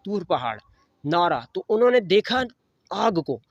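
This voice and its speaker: A man gives a religious lesson in a voice that sits high for a man. He recites scripture slowly and explains each verse plainly. The recording is close and dry, with a muffled, dull tone. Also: sing-song, dry recording. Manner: recites Arabic verses slowly, then explains them in Urdu. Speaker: Quran teacher.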